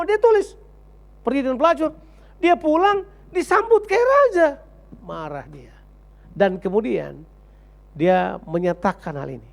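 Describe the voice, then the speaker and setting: Animated, gravelly pastor preaching. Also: male voice, high-pitched. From Indonesia. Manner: animated storytelling, acting out characters, swinging from hushed to shouting. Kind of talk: sermon. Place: church service.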